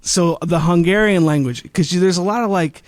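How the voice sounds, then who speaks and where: A man with a fairly high voice hosts a casual chat, rambling a little and restarting his sentences. He laughs easily and keeps it loose. The recording is dry and close to the mic. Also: fairly quick, no echo. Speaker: podcast host.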